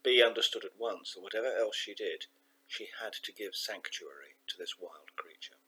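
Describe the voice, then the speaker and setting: Husky male audiobook narrator. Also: fairly low pitch, poor audio. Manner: measured and expressive, slowing for emphasis. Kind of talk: scripted narration of a children's novel.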